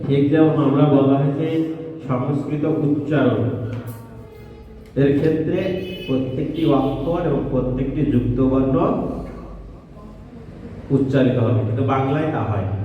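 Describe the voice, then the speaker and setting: Man teacher spelling out sounds slowly, keeps asking if it's clear, far off in a boomy room. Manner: patient, spells out syllables and keeps checking understanding. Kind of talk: pronunciation lesson. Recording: echoey, distant, dull-sounding.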